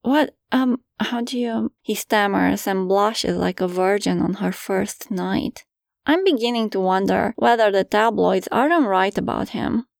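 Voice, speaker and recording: A woman's voice: medium pitch, measured pace, vocal fry, dry recording, clean studio sound. A woman narrating a first-person erotic story in a playful, teasing manner.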